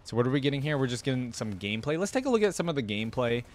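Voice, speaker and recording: Speaking very fast with big pitch swings, a young adult man in a mid-range voice thinks aloud during casual gameplay reactions. The reaction video host is recorded on a close desktop microphone with headset, and background noise is clear.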